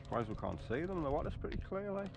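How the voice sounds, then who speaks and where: A man's voice: fairly high pitch, sing-song, fast, creaky. A middle-aged man chatting with dry humour while fishing from a small inflatable boat at sea, picked up by an action camera. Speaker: angler. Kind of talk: casual chat while fishing. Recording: wind and sea noise.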